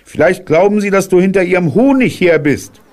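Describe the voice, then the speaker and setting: A man voicing a cheerful, eager young boy in an audiobook, speaking in bright, keen bursts. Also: sits high, animated, brisk, pitched above the performer's own voice. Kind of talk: audiobook character reading.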